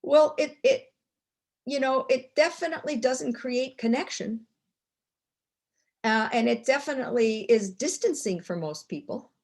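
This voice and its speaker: A woman's voice: high voice, a little slow, a little mellow. An older woman telling a story as a guest speaker in a fireside chat. She restarts and repeats words as she goes.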